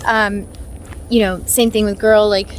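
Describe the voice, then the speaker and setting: Medium in pitch and flat in delivery, an American woman's voice moves a little slowly over a rough recording. Walking a hiking trail, the vlog host chats casually to camera, informal, with little chuckles, as outdoor ambient noise plays around her.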